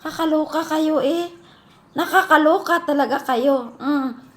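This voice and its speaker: A woman in a heated vlog rant, scolding her critics and firing off rapid rhetorical questions. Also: high voice, fairly bright tone. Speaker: vlogger answering critics. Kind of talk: heated direct-to-camera rant.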